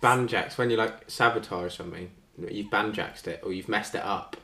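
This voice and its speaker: A man's voice: lowish voice, normal speed, vocal fry, bright, forceful tone, echoey room. A man in a casual chat, good-humoured and self-mocking as he guesses words. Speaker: vlogger being quizzed.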